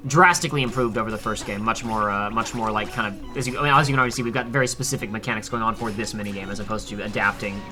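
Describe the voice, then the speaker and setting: A man's voice: fairly low pitch, rapid-fire, hardly any pauses. A man giving casual let's play commentary, coaching and explaining as he goes. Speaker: gaming guide and co-host. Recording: game music behind the voice.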